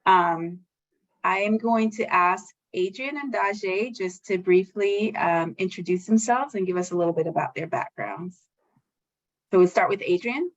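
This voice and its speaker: A woman who is a board member facilitates a virtual panel, chatting in a friendly way with many fillers. Her medium-pitched voice moves at a measured pace, heard through slightly dull video call audio.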